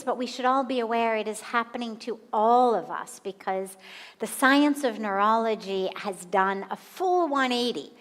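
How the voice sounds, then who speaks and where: This is an American woman in her fifties, a spiritual teacher delivering a satsang talk slowly and deliberately, repeating points for emphasis. Her voice sits a little high with a fairly bright tone, and she's heard in a large hall.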